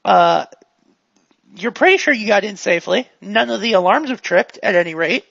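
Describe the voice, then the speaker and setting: A man narrates a tabletop game with a playful, joking manner, his high voice full of gravel. The sound is dry and close. The mic is dull and lo-fi. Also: expressive, fairly bright tone, no echo. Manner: playful, jokey, quick asides. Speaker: game master.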